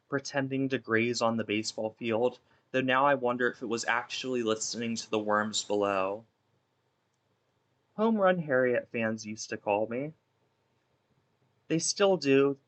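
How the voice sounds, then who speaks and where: A man's voice: mid-range voice, fairly bright tone, natural voice. Man voicing a haunted, rambling imprisoned woman. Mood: wistful. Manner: wistful, rambling, theatrical, self-interrupting. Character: haunted imprisoned female ex-baseball pitcher, guilt-ridden and rambling. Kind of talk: dramatic scripted monologue.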